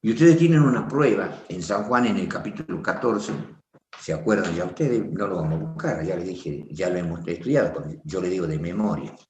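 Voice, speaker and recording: A man teaching a Bible study class, animated and preacherly, often turning to his listeners. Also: sits low, fairly quick, muffled recording. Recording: roomy echo.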